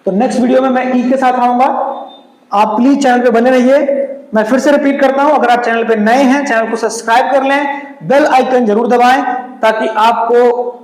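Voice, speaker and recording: Male teacher, very high-pitched, patient and repetitive with examples, recorded in a reverberant room. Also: fairly even intonation. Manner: patient, repeats examples slowly word by word. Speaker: English teacher. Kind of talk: whiteboard phonics lesson. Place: classroom at a board. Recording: echoey room with long reverb.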